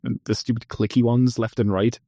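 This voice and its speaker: A man's voice: mid-range voice, flat delivery, brisk, creaky, mellow, no room sound. Joking man in a dry, close recording. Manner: joking, asks questions. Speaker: podcast co-host. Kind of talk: casual film commentary chat.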